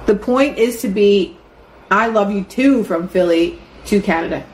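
A woman hosting a casual motivational talk, animated and swearing, acting out her own excited inner voice. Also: medium pitch, unhurried. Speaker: host. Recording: echoey room with faint noise.

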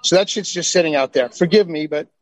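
High-voiced man, blunt and heated. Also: quick pace, no echo, muffled recording. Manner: blunt, heated, swears freely. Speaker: call-in guest. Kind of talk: casual chat.

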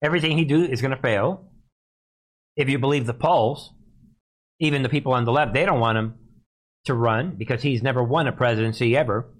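A mid-range-voiced man hosting live political commentary speaks fairly quickly but leaves long pauses. He sounds emphatic, scornful, and mocking, repeating phrases to make them stick.

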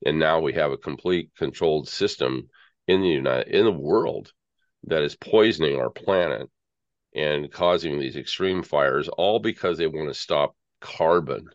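A man's voice: extremely low pitch, measured pace, no room sound. An American man giving conversational political commentary as an interview guest, in an earnest, rambling, conspiratorial rant. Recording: dull lo-fi audio.

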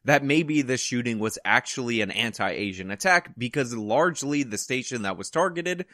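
A man's voice: mid-range voice, expressive, normal speed, fairly bright tone, dry recording, studio quality. A man hosting his own online channel, giving casual news commentary with conversational, opinionated asides.

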